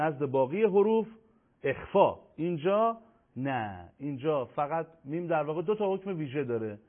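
Man teaching tajweed over tinny audio. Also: a little high. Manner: measured, slows down to spell out examples. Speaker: Quran recitation teacher. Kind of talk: tajweed lesson, explaining and reciting examples.

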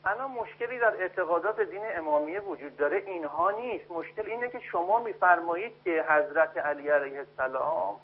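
A high-pitched, husky man on a narrow, tinny phone line, pushing his case hard and cutting in whenever he can. He sounds insistent and argumentative, talking over the others. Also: hardly any pauses. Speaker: phone-in caller. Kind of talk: heated call-in debate. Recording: telephone line.

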